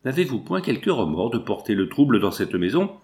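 A man voicing a pompous, self-important gentleman who protests in stiff, formal speech. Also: medium pitch, big pitch swings, fairly quick. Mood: insistent.

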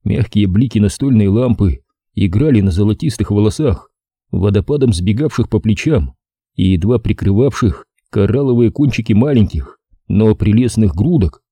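A man narrating a first-person detective novel in a measured, wry storytelling manner. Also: lowish voice, animated, warm tone, slightly rough, dry recording. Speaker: audiobook narrator.

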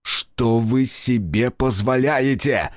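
A man voicing a pompous, quick-tempered male prison official who blusters and hisses. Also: medium pitch, sing-song, dry recording, studio quality. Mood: indignant. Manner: blustering, hissing when threatening.

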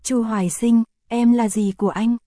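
A woman voicing an affectionate, pouty young man in an audio story, read in a soft, even voice. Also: a little high, moderate pace, no echo, studio quality, natural voice. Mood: earnest.

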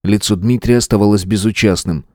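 A man narrating an audiobook in a steady, measured reading. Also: on the low side, no echo, clean studio sound. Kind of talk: scripted narration.

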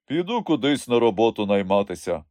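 A man voicing a huge, naive, good-natured young highlander who speaks earnestly. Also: big pitch swings, brisk, darkish tone, dry recording.

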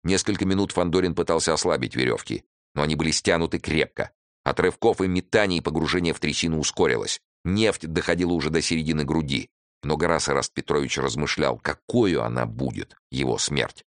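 A man narrating a detective novel audiobook in a measured, terse, dramatic reading. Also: extremely low pitch, no room sound, clean studio sound.

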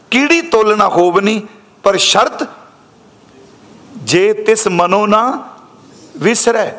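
A man giving a sermon, explaining scripture word by word and slowing down on the verses. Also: sits high, fairly bright tone. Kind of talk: scripture commentary.

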